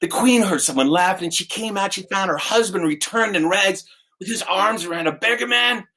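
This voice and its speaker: Bright, husky older male storyteller. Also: high voice, fairly quick. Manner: animated, acts out characters with shifting voices. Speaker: storyteller and musician. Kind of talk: oral folk-tale storytelling.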